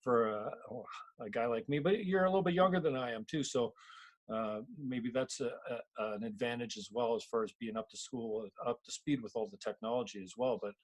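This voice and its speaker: Rambling middle-aged host, husky voice. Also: male voice, medium pitch, fairly quick. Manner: rambling, self-deprecating, frequent restarts. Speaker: podcast host. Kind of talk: casual interview chat.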